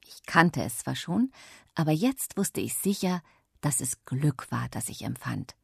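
A woman narrating a children's audiobook in the first person, calm and clear, close to the mic. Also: sits low, unhurried, no room sound.

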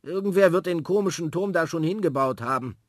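A man's voice: a little high, animated, fairly quick, dry recording, studio quality, pitched above the performer's own voice. A man voicing a doubting older neighbor woman who speaks in a teasing, disbelieving way. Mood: mocking.

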